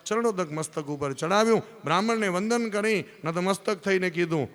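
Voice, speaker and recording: A man's voice: high-pitched, brisk, fairly bright tone. A man telling a devotional story to a live audience, addressing listeners directly and slipping into character voices. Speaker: scripture storyteller. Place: large hall at a live religious event. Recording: long hall reverb.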